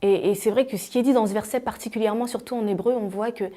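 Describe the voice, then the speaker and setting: A woman giving an earnest personal faith testimony, speaking haltingly with frequent fillers. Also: on the high side, steady tone, mellow.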